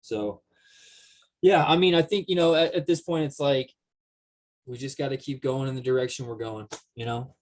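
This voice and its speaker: A man in casual podcast conversation, speaking in a measured, conciliatory way with hesitant phrasing. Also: medium pitch.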